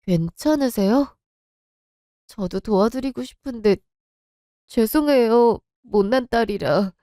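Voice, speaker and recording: A woman's voice: a little high, expressive, slow pace, dark tone, no room sound, studio quality. A woman voicing a distraught young wife and daughter, emotional and pleading. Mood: worried.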